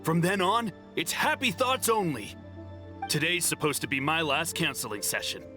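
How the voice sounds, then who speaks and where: A man's voice: fairly high pitch, lively intonation, moderate pace, music in the background, natural voice. A man voicing a snooty, touchy, fervent devotee in an anime video game. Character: snooty, touchy male devotee of a spiritual counselor.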